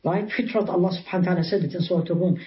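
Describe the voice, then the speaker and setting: A woman's voice: on the low side, rapid-fire, lo-fi sound. A woman with an Arabic accent, a religious teacher explaining in an interview, asking rhetorical questions and quoting scripture in Arabic. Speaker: Islamic teacher.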